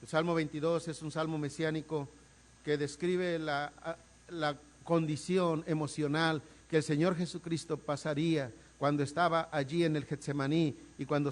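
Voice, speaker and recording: A male pastor preaching a dramatic sermon in a church, swinging from loud pleading to hushed tones. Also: fairly high pitch. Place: church sanctuary.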